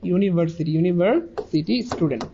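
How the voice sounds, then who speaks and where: A man's voice: high-pitched, lively intonation, fairly quick, noisy background. A man teaches an English grammar lesson, repeating his points and asking and answering his own questions. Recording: dull lo-fi sound.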